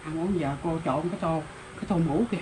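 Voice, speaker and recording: A woman's voice: low-pitched, fast. An older woman with a Southern Vietnamese accent, rambling through her story in plain, exclamation-filled talk. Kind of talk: casual rural storytelling. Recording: noticeable background noise.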